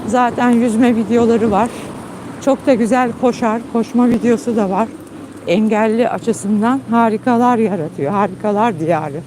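A tired woman chatting casually to her viewers on a phone live stream. Her voice sits fairly high but has a mellow, soft tone. Faint noise drifts behind her in the night garden. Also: normal speed. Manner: chatty, warm-hearted, calls her dog in high coaxing tones. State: tired after a long trip. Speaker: channel host.

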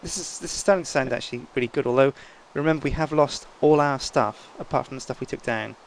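Male gaming co-host, medium pitch with vocal fry, casual commentary, playfully earnest pep-talk manner. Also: fast talker, slight background noise.

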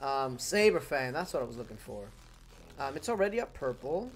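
A gaming streamer, young and Spanish-accented with Spanish as his native tongue, talks casually to his live-stream viewers from a desk in his home room. His mid-range voice has a sing-song quality at a moderate pace, and he tends to repeat phrases. Faint music can be heard behind him.

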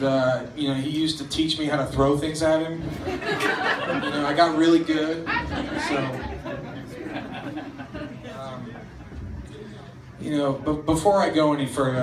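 A man giving a joking best man's wedding toast in a halting, informal way, often repeating his phrases. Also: mid-range voice. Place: evening wedding reception under string lights. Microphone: handheld microphone through PA, recorded by distant camera. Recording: distant, echoey event recording, loud crowd noise.

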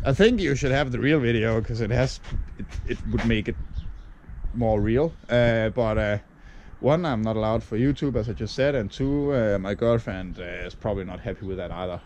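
A man's voice: lowish voice, normal speed, darkish tone, a little hiss or hum. A man from Denmark in his thirties, talking casually to a camera held at arm's length outdoors, rambling with lots of fillers. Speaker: vlogger. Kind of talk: casual vlog talk to camera. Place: outdoors on a chilly morning.

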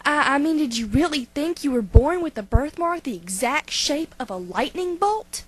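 A woman's voice: high-pitched, expressive, moderate pace. A woman voicing a sarcastic, streetwise female cat in a cartoon fan dub, with mocking, exaggerated emphasis. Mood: scornful.

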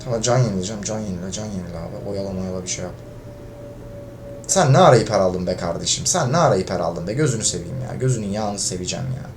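A man's voice: low-pitched, quick pace, gravelly, faint music behind. A man commentating his own gameplay, getting frustrated and swearing at his teammates. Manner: frustrated, swearing, shouts when losing. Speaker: gaming video creator.

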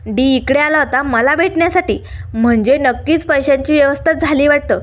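A woman's voice: high-pitched, moderate pace, lightly acted. A woman voicing a young office woman who sounds flustered and evasive.

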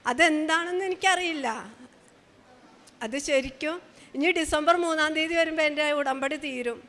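Halting mother testifying in an echoing hall. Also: sits high, fairly bright tone. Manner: halting, emotional, with many restarts. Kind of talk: spoken personal testimony. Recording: long hall reverb.

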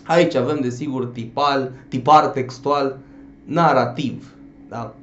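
A man's voice: mid-range voice, steady tone, reverberant, lo-fi sound. Man teaching a grammar lesson. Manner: explanatory, checks in with a frequent questioning "da?"; addresses students warmly as "dragilor". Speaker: Romanian language teacher. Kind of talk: exam-prep grammar lesson.

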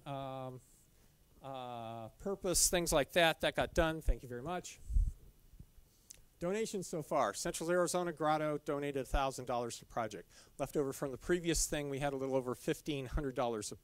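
Fairly high in pitch and free of any room sound, the voice belongs to a middle-aged man presenting slides for a caving club. The talk is casual and set in a dim lecture room, and he keeps stopping, restarting, and filling gaps.

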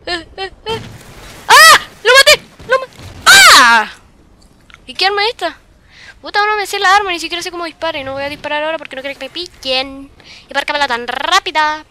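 Play an excitable Chilean woman yelling at her game. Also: extremely high pitch, a little fast, a little hiss or hum. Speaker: gaming video creator. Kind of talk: live gameplay commentary.

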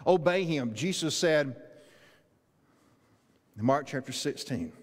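A middle-aged man preaches in a large church sanctuary, his voice sitting a little high for a man. He pleads earnestly and presses his points with repeated questions. The sound carries a long hall reverb from a distant stage mic. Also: expressive, takes it slowly. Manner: earnest, rising to emphatic rhetorical questions, walking the stage. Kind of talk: sermon.

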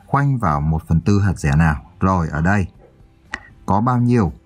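A man's voice: low-pitched, expressive, moderate pace, faint music behind. A male teacher giving a primary school math lesson, counting aloud and asking his pupils check questions.

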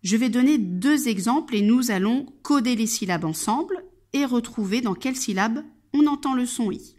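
A woman kindergarten teacher giving an instructional video lesson for young children, speaking to the child directly, articulating clearly and sounding out words syllable by syllable. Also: on the high side, expressive, normal speed, darkish tone. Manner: addresses the child directly and patiently.

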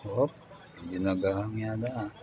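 Low-voiced Filipino repair guy. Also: steady tone, moderate pace, noisy background. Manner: keeps saying "mga master" and "no?", slightly slurred. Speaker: phone repair tutorial host. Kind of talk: casual repair walkthrough.

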